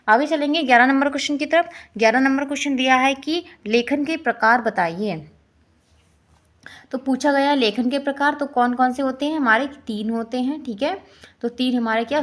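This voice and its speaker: Woman teacher, fairly high voice, Indian accent, exam-prep lesson, quizzes listeners by repeating answers. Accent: Hindi-belt Indian. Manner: repeats each answer as a quiz question.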